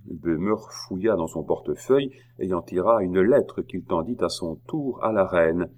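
A man reading a historical novel aloud in a measured way, with occasional hesitations. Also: low voice, animated, a little mellow. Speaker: audiobook reader.

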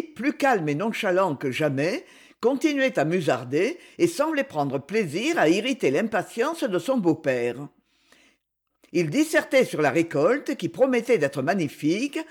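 A man reading a novel aloud as narrator, with expressive storytelling. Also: high-pitched, breathy edge.

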